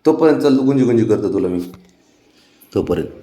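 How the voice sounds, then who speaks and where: Guy teasing and coaxing his cat, mellow soft voice, echoey room. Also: mid-range voice, animated, fairly quick. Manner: coaxing, teasing baby talk to a pet. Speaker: pet owner vlogger. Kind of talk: casual talk to a pet cat.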